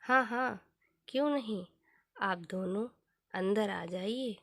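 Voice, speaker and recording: A woman voicing a poor, humble village man in a motivational story, with plain, measured delivery. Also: mid-range voice, a bit bright, no echo, clean studio sound.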